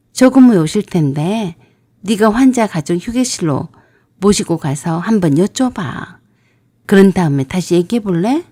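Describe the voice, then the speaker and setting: A hurt, angry young woman-to-be-married played by a woman pressing her fiancé with sharp questions. Her voice is mellow and mid-pitched. The sound is dry and close. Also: no echo. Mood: cold. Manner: confronting, pointed questions.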